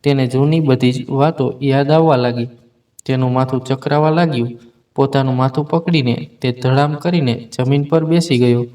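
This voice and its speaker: A man narrating a family story in a plain, steady way. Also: medium pitch, normal speed.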